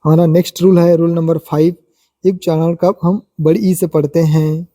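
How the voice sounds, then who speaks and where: A man gives a pronunciation lesson, working through numbered rules and saying each example word slowly, more than once. His voice is very dark and mellow. The recording is dry and close, with no room sound. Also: on the high side, little pitch movement, no echo. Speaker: English pronunciation teacher. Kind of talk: explanatory spoken lesson.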